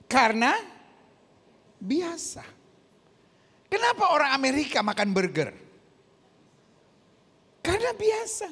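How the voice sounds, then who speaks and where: A man preaching a sermon, animated, questioning the congregation and acting out voices. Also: very high voice, slow pace, pauses often, in a large hall. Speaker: pastor.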